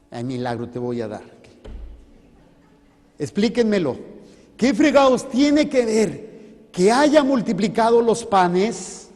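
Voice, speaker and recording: Priest, high voice, playful sermon full of questions to the crowd, long church reverb. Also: male voice, a little mellow. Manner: joking, asks the congregation questions. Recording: reverberant hall.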